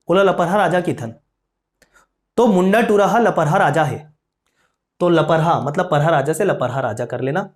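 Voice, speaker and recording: A young man with a slightly high-pitched voice leads an exam coaching lesson. He repeats each term and keeps checking that his students understand. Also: a little mellow. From Chhattisgarh, India. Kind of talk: lively classroom lesson with memory tricks.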